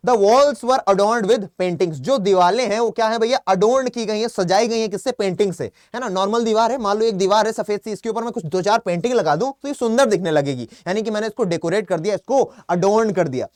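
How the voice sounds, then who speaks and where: A man's voice: sits high, fast talker, hardly any pauses, a little mellow, no room sound, clean studio sound. A young man with a Hindi accent teaching an online English vocabulary class, chatty, calling students "beta" and asking and then answering his own questions. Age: young adult. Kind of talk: online exam-prep class.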